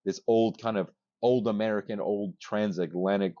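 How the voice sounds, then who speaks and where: A man co-hosting a casual podcast, rambling excitedly with many restarts and casual swearing. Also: lowish voice, moderate pace, no room sound, highs cut off. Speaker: podcast co-host. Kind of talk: casual chat.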